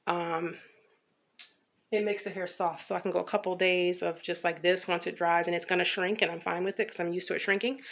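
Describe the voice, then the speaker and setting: An American natural hair care vlogger gives a casual, chatty hair update, speaking informally, rambling and repeating herself. Her voice is fairly low and fairly bright, with vocal fry, a brisk pace and fairly even intonation.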